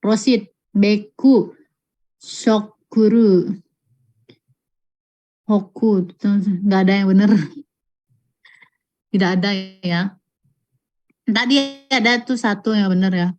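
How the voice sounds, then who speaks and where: A woman teaching a live online Japanese class, reading out student answers and stretching example words out slowly and patiently. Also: mid-range voice, a little mellow. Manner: slow, patient, drawn-out pronunciation of example words.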